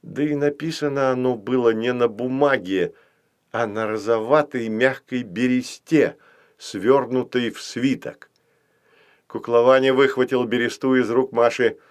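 A man narrating a children's fairy-tale audiobook with expressive storytelling. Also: medium pitch, a little slow, clean tone.

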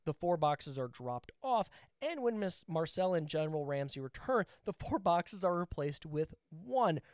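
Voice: mid-range voice, sing-song, normal speed, darkish tone, no echo, studio quality. A podcast co-host telling a story in casual chat, rambling and swearing with laughing asides.

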